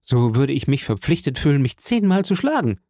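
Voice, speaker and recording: A man's voice: mid-range voice, big pitch swings, a little fast, warm tone, no echo, studio quality. A man voicing an agitated young nobleman in an audiobook, speaking in heated, rising questions. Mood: indignant.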